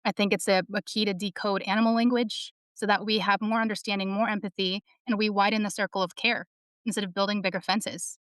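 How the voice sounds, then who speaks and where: Brief: young woman, frank and passionate, swears casually, crisp clear voice. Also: mid-range voice, flat delivery, fairly quick, a bit bright, dry recording, clean studio sound. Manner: blunt, outspoken, swears. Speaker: panelist, student. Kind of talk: casual discussion.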